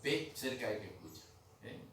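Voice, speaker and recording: A man's voice: on the low side, big pitch swings, normal speed, fairly bright tone. Man teaching in an echoey classroom. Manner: patient, repeats terms, checks understanding with "eh?". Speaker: language teacher. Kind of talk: classroom grammar lesson. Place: museum classroom. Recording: echoey room, mic far off, faint noise.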